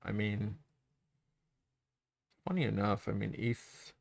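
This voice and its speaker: A man's voice: lowish voice, level tone, takes it slowly, gravelly, dry recording, clean studio sound. A man hosting a trading livestream, rambling through chart commentary while thinking aloud, with plenty of fillers and restarts.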